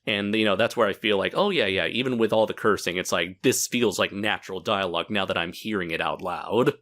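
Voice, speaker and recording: A man hosting a casual interview podcast who keeps affirming with quick "mm-hmm"s. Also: sits low, fairly bright tone. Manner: frequent affirming fillers. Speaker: podcast host.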